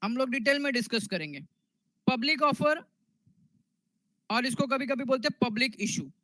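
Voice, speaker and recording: A man's voice: very high-pitched, lively intonation, moderate pace, bright, forceful tone, no echo, rough recording. A man teaching a commerce class. He repeats key terms and asks and answers his students' questions himself. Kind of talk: classroom lecture.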